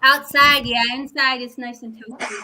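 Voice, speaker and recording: High bright-voiced woman calling in from home, chatty, faint noise behind. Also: flat delivery, moderate pace. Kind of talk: casual group chat.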